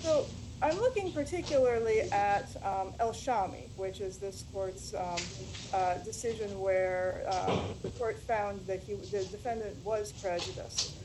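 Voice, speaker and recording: A woman's voice: mid-range voice, a little slow. Hesitant woman arguing in court, noisy. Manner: hesitant, frequent ums and restarts. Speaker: attorney arguing an appeal. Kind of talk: formal courtroom oral argument. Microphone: distant microphone, voice fading in and out. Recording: noisy courtroom hearing audio, distant mic.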